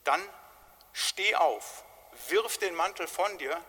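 A man's voice: sits high, lively intonation, slow pace, sharp tone, slightly rough. A man preaching a sermon in an emphatic, colloquial way, often tagging his points with short questions. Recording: long reverb of a large hall.

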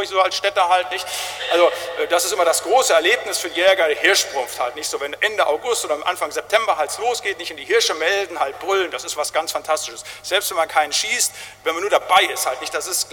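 A man preaching with a high, ringing voice that bounces around a large reverberant hall. He is emphatic, climbing into loud cries and then dropping to quiet words, and tags his phrases with "halt, nicht?". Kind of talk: sermon.

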